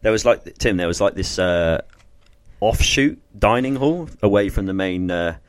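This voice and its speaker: A man hosting a casual podcast chat, jokey and quick to laugh, rambling with restarts. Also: on the low side, lively intonation. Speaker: podcast host.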